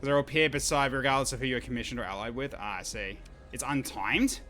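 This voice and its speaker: A man streaming a game, chatting and thinking aloud in casual commentary, quick to laugh. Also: medium pitch, bright, forceful tone, soft background music.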